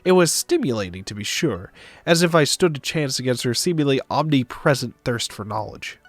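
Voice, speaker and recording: A man reads a visual novel aloud for a stream, tossing in casual asides. His medium-pitched voice has lively intonation and a moderate pace, recorded dry with music playing behind him.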